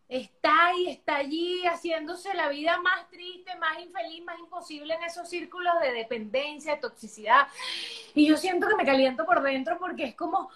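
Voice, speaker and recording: Loud, energetic woman with a high voice. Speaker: sexologist guest. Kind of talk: casual live-stream chat.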